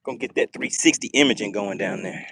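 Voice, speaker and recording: A man commentating a live fishing stream to his chat from a boat on a lake, excitable and teasing, laughing often. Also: on the low side, fast, slight background noise.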